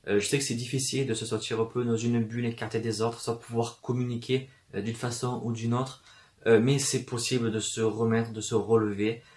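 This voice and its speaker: Male vlogger, mid-pitched, sincere and halting, lots of pauses, direct to camera. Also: little pitch movement, a little mellow. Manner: hesitant, many pauses and fillers; earnest and encouraging. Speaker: book channel host. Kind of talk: personal vlog address to camera.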